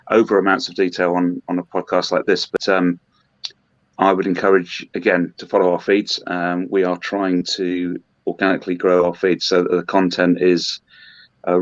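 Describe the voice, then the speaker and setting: A man from Hong Kong, a brewery representative, talking in a podcast interview with many pauses and restarts. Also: low-pitched, level tone, dry recording. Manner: hesitant, many ums and restarts. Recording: dull lo-fi dry sound.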